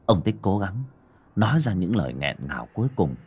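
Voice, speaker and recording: A man narrating a dramatic audiobook story, swinging between loud and hushed delivery. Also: low voice, big pitch swings, brisk, breathy edge.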